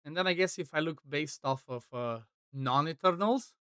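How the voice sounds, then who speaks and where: A man streaming a game and chatting casually, rambling with quick asides. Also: fairly high pitch, fairly bright tone, clean tone, no room sound, clean studio sound. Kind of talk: casual chat while gaming.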